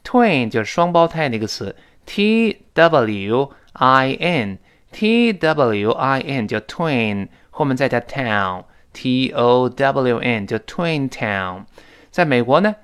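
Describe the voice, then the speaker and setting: A man's voice: mid-range voice, clear, resonant tone. A man teaching English in a recorded lesson, explaining phrases and drilling pronunciation, speaking. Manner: lively, repeats and drills phrases slowly.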